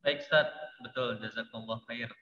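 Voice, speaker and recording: A man's voice: medium pitch, steady tone, normal speed. A man acting as co-host, relaying viewers' questions and replying briefly and politely. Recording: echoey, muffled remote line.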